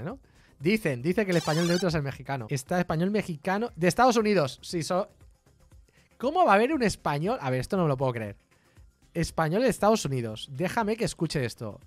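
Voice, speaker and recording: A man with a Spain Spanish accent giving a casual live-coding tutorial, chatty and quick to laugh and swear in surprise. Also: on the high side, no room sound. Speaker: programming streamer.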